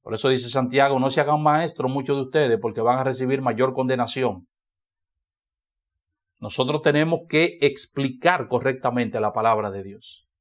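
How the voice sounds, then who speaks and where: A man's voice: mid-range voice, moderate pace. A man with a Dominican Spanish accent, a pastor preaching a sermon in church, who repeats key phrases for emphasis.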